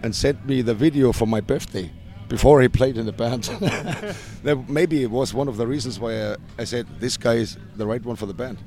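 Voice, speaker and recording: A man who fronts a punk band, speaking with a German accent, answers an interviewer's questions tentatively, frequently starting over and chuckling softly. His voice sits in the mid range at a normal speed.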